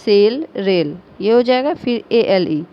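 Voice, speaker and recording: Indian woman teaching, spelling words slowly. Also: mid-range voice, expressive. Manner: patient, spells words letter by letter, mixes Hindi and English. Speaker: school teacher. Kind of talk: recorded online class lesson. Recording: slightly dull lo-fi audio with faint noise.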